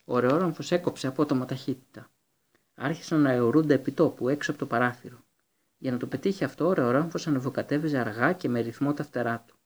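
A man narrating an audiobook in a steady, even storytelling manner. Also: mid-range voice. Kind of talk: scripted narration.

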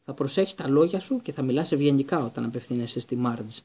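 Man voicing Uncle Vernon, gravelly bully. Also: medium pitch, animated. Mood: menacing. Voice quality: growling, gravelly. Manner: loud, threatening. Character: bullying red-faced middle-aged uncle, loud.

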